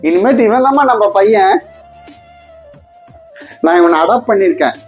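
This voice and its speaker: A woman's voice: mid-range voice, animated, moderate pace, darkish tone, soft background music, close to an everyday voice. A woman playing a patient husband and adoptive father in a comedy skit, speaking in a soothing, coaxing way.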